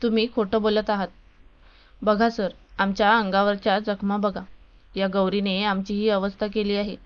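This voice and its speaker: Complaining young college boys, voiced by a woman storyteller, pointing blame in a smooth, clear voice. The sound is a bit dull and lo-fi. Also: medium pitch, flat delivery, moderate pace, close to an everyday voice. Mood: accusing. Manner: complaining, accusing. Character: two accusing male college students.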